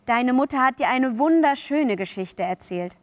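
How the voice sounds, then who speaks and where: A sly, boastful boy from a storybook, as a woman reader plays him. He coaxes and tempts in a raised, lively voice, offhand one moment and eager the next. The recording is dry and close. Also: high voice, moderate pace, no echo. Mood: coaxing. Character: cocky, sly boy who never grows up.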